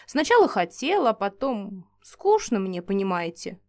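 A man's voice: high voice, big pitch swings, measured pace, heavily acted. A woman reading an audiobook, voicing an old male wizard who lives alone and talks with weary sighs. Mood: resigned. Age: older. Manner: sighing, resigned.

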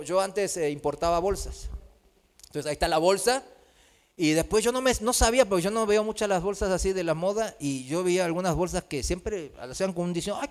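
A man preaching a sermon, asking rhetorical questions and tagging his points with a quick "¿no?". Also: high voice. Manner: rhetorical questions with frequent tag "¿no?"; acts out quoted voices.

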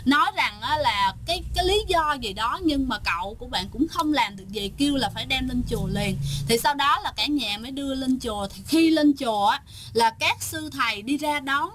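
A woman's voice: high-pitched, expressive, brisk, fairly bright tone, slight background noise. A woman telling a ghost story in a casual, chatty way, often turning to speak straight to her listeners.

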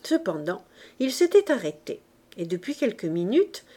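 A woman reading a classic novel aloud as an audiobook, in measured, expressive narration. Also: medium pitch. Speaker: audiobook reader. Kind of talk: scripted narration.

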